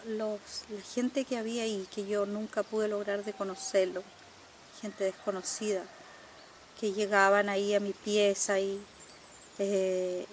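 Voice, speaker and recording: An older Chilean-accented woman speaks as a survivor giving documentary testimony. Her delivery is earnest and halting, full of pauses and repetitions, at a medium pitch with a slight hiss or hum in the background.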